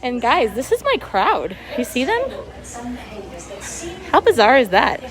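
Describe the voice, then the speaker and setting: A woman's voice: a little high, sing-song, measured pace, crowd noise. A woman chatting casually and with amazement to viewers as she vlogs on a walk. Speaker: vlogger and podcast host. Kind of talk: casual walk-along vlog chat. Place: outdoors in a theme park queue.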